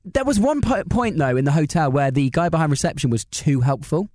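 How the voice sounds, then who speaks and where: Podcast bloke, talks fast and bouncy, dry close mic. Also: male voice, a little high, no echo. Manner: animated storyteller, laughs often. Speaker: podcast co-host. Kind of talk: casual chat.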